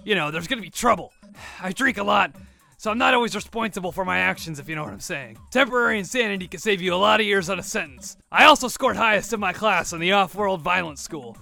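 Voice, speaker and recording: A man's voice: high voice, lively intonation, fast, vocal fry, pushed and bright, faint music behind, heavily acted. A man playing a grizzled, hard-drinking space soldier in a comedy radio play, talking in a swaggering, threatening tough-guy growl. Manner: swaggering, threatening, slurs in filler "uh"s. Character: grizzled boozy brawler space soldier, male, belligerent.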